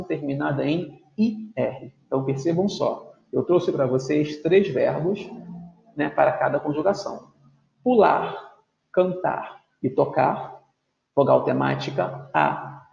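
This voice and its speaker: A man's voice: fairly high pitch, creaky, warm tone. A man teaching a video lesson, explaining step by step and often checking in with his students. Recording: roomy, dull lo-fi sound.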